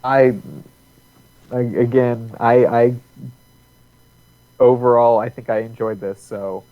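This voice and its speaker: A man's voice: mid-range voice, level tone, takes it slowly, no echo, narrow, tinny audio. A man co-hosting a casual podcast chat, easygoing and rambling, often restarting his sentences. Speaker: podcast co-host.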